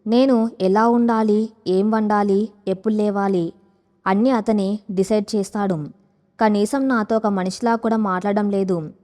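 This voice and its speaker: A woman's voice: mid-range voice, fairly even intonation, warm tone, close to an everyday voice. Woman doing a crying young bride. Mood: tearful despair. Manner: trembling, slow, pleading. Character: young bride, 24, gentle and trapped.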